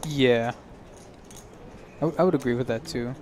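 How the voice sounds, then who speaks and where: A man calls a live poker stream from the booth, his voice sitting at an ordinary middle pitch. He talks in a loose, chatty way, working out the hands as he goes. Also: normal speed, darkish tone, a little hiss or hum. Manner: chatty, thinks aloud while reading hands. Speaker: poker commentator.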